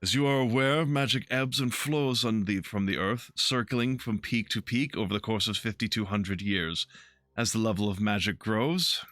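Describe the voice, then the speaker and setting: A pompous male envoy, read by a man playing a game, speaking slowly and deliberately in a low voice. The sound is close, bright and dry. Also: no echo, natural voice. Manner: slow and deliberate, a failed attempt at an accent. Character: slow, pompous male dragon's representative.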